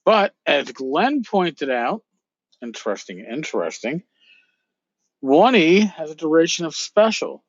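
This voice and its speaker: A man's voice: on the high side, sing-song, unhurried, dry recording, muffled recording. A man hosting a casual solo podcast, musing and rambling as he repeats phrases for emphasis. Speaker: podcast host.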